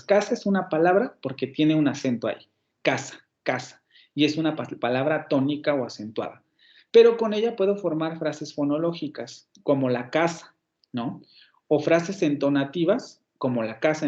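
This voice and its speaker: A male professor lectures a class over a video call, explaining patiently and saying his examples over and over. His voice sits a bit high for a man. The sound is dull and lo-fi, with little clarity. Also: a little mellow. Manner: explanatory, repeats examples aloud and checks in with the class. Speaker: university phonetics professor. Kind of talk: online university lecture. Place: indoor room with a window. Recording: dull lo-fi online class audio.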